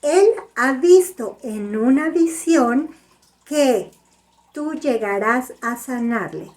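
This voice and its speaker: A woman's voice: high voice, expressive, takes it slowly, a little mellow. A woman voicing God giving a disciple commands in a children's Bible story. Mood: commanding.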